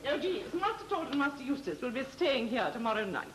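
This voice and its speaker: An actress playing a haughty, scolding older aunt with an upper-class English accent and grand articulation, in a period comedy. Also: female voice, high voice, sing-song, fast talker, heavy background noise. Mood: imperious.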